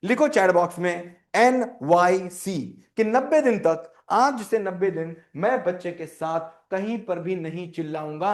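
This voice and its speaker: A man coaching parents in an online class, lively and full of rhetorical questions, acting out parents' scolding. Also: high-pitched.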